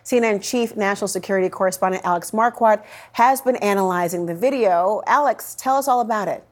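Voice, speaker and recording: A woman's voice: mid-range voice, a little fast. A woman anchoring a news show, presenting in a direct and emphatic way.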